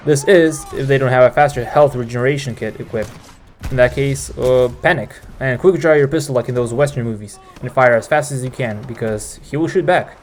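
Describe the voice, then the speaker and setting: A man narrates a scripted gaming guide as its host. His voice sits at an average pitch for a man. The home recording carries faint noise behind him. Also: fairly quick.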